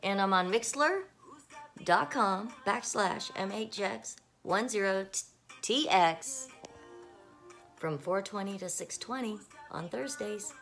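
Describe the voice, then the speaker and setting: Talking slowly in a medium-pitched, fairly bright voice with lively intonation, a woman excitedly chats with her viewers on a live stream and radio show. She's bubbly and gushing, picked up by a phone or webcam, with background music playing.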